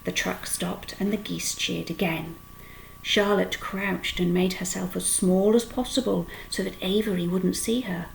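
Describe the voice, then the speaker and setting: A woman reading a children's book aloud with expressive storytelling. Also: lowish voice, unhurried, gravelly, slight background noise, low-quality recording. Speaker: storytime reader.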